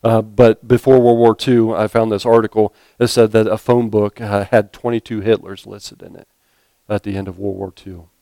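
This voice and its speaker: A man's voice: lowish voice, little pitch movement, moderate pace, gravelly, dark tone, no room sound. A man preaching a sermon as a pastor, talking conversationally with frequent fillers and self-corrections.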